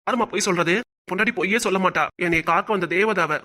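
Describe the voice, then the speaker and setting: A woman's voice: on the low side, sharp tone, pitched below the performer's own voice. A woman voicing a doting young husband in a cartoon, soothing his wife and timid before his mother. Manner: soothing, rapid. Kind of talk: cartoon voice acting.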